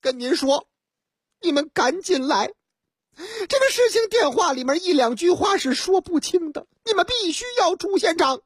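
A woman's voice: very high voice, animated, normal speed, no echo, clean studio sound, pitched above the performer's own voice. A woman voicing a melodramatic, overwrought female caller who wails and rambles in circles. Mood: panicked.

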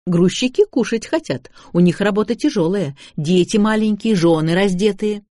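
A man reading an audiobook, voicing a pompous, fussy male furniture salesman with formal, drawn-out speech. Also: sits high, animated, warm tone, dry recording, studio quality, voice pushed up. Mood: unctuous.

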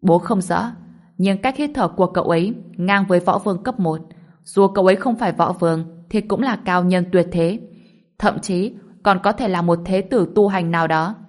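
A woman reading as a stern old martial clan father, low and loud, barking orders at his grown sons. he sounds like a storybook patriarch who expects to be obeyed. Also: normal speed, natural voice. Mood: stern scolding. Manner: commanding, scolding.

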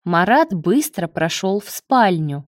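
Slow, low-voiced woman narrator. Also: big pitch swings, no echo, clean studio sound. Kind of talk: audiobook narration.

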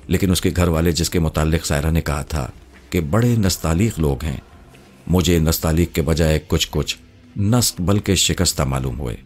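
A man giving measured, literary first-person narration of a novel. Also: extremely low pitch, darkish tone.

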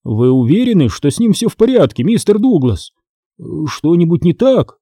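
A man's voice: fairly high pitch, sing-song, normal speed, dark tone, no room sound, studio quality, voice pushed up. A man reading aloud, voicing a cautious, thrifty father who measures his words and doubts the deal. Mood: doubtful.

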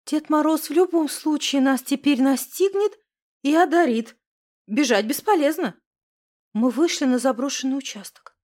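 High-voiced woman reading a story. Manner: lively, wry storytelling. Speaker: narrator. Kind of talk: first-person story reading.

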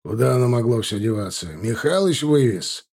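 A man's voice: mid-range voice, lively intonation, normal speed, gravelly, a little mellow, husky. A man voicing a hot-tempered crime boss who barks blunt orders. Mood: angry.

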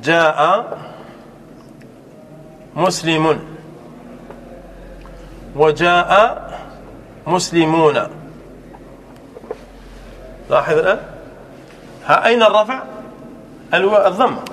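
High-voiced man teaching Arabic grammar. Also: fairly bright tone, slight background noise. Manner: asks rhetorical questions and repeats examples slowly; dictates examples at a slow, deliberate pace. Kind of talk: classroom grammar lesson.

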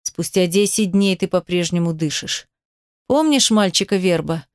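A woman voicing a young man who speaks in a flat, cold, clipped tone to the father who betrayed him. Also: on the low side, moderate pace, clean tone, dry recording, clean studio sound, natural voice. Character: young man, cold, contemptuous, grief-stricken son.

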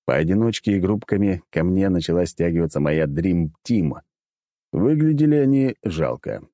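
Lively low-voiced man reading a comic audiobook. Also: normal speed, dry recording, studio quality. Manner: lively, wry storytelling that jumps up for shouted lines. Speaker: audiobook reader. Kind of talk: comic first-person audiobook narration.

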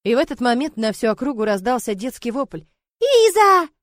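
A woman narrating a first-person novel in an emotional, measured way. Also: a little high, darkish tone, no echo, clean studio sound. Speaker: audiobook narrator.

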